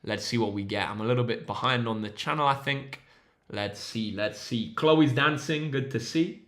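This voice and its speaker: A young man with a somewhat bright, mid-range voice runs a casual maths livestream at a moderate pace. Upbeat and encouraging, he rallies viewers like a team and reads their names from the chat as the maths tutor hosting it.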